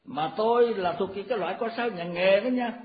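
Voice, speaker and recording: Elderly monk, folksy sermon. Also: male voice, high voice, fairly quick. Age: 80s. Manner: folksy, repetitive, rattles off verse formulas. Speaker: Buddhist monk. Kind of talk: informal dharma talk. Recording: echoey, muffled recording.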